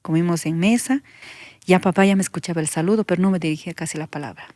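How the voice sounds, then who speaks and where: A woman pastor, giving an earnest testimony that sinks into soft whispers when she recalls her prayers. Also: on the low side, fast talker, no echo. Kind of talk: emotional testimony in conversation.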